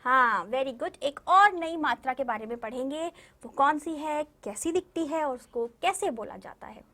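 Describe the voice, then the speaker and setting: A young woman who teaches primary school Hindi gives an online video lesson to young children in a high, animated, slightly bright voice. She's patient, repeating words slowly, drilling vowel signs, and often checking that the kids understand.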